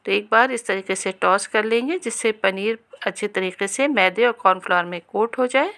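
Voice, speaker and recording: A woman hosting a cooking channel, giving a calm, step-by-step recipe voice-over and speaking directly to viewers. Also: mid-range voice, normal speed.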